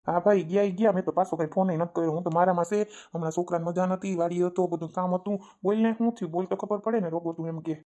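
A woman's voice: fairly low pitch, steady tone, dark tone, close to an everyday voice. A woman playing a tired, defensive older brother in a comic family skit, with a Kathiyawadi Gujarati accent. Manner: defensive, tired, quick-talking. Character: weary older brother, a harried village farmer.

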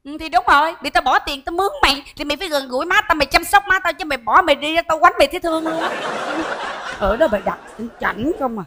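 Comedy sketch: a bossy woman star, high and fast, all teasing jabs. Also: animated, sharp tone. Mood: scolding banter. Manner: rapid, teasing, exclamatory, bickering. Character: sharp-tongued bossy woman performer, quick to mock. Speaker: comedic lead.

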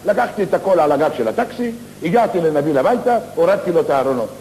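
A man spins comic tales on a theater stage, animated and full of slangy asides. His voice sits fairly high. The live recording carries a long, echoing hall reverb and faint background noise. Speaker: stage comedian. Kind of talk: theatrical comic storytelling monologue.

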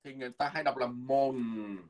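A man teaching a language lesson from a textbook, patiently repeating words slowly so learners can follow. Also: mid-range voice, steady tone, darkish tone, a little hiss or hum.

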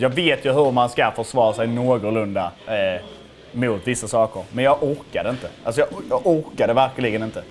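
A young man casually commenting on his own fight footage, animated and self-mocking, swearing freely. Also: medium pitch. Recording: faint music underneath.

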